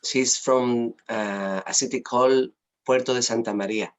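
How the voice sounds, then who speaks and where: A man in his thirties with a Spanish accent, an imam being interviewed on a video call, speaking haltingly with many fillers and restarts. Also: mid-range voice, steady tone, poor audio. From Spain. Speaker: imam and madrasa founder. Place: small indoor room.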